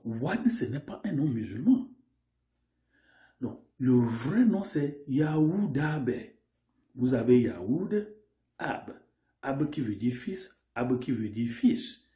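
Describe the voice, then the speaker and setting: A man's voice: medium pitch, warm tone. A man giving a spoken lecture, asking rhetorical questions again and again and sometimes dropping to a near-whisper. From Mali. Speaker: lecturer on names and history. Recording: roomy echo.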